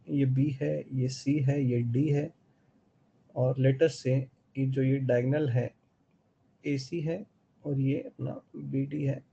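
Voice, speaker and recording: A man's voice: fairly high pitch, mellow, lo-fi sound, a little hiss or hum. A man with an Indian accent teaching geometry in an online class, explaining step by step and checking in with his students. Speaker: math teacher. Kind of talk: online live class lecture.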